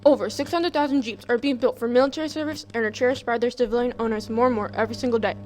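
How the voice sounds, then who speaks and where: A woman's voice: fairly high pitch, steady tone, rapid-fire, noisy background, lightly acted. A woman playing a proud, upbeat announcer in a 1940s radio commercial, with an emphatic promotional delivery. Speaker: advertisement announcer. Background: music.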